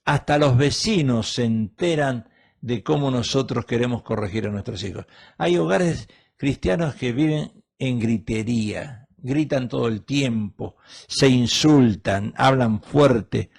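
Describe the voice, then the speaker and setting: A man's voice: mid-range voice, a little slow, creaky, a little mellow. A middle-aged man preaching a sermon as a pastor, emphatic and full of rhetorical questions.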